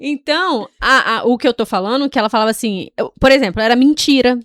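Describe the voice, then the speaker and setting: Calm, explaining woman co-host. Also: a little high, no echo, studio quality. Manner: measured and explanatory, giving her opinion point by point. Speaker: podcast co-host. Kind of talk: casual faith-based chat.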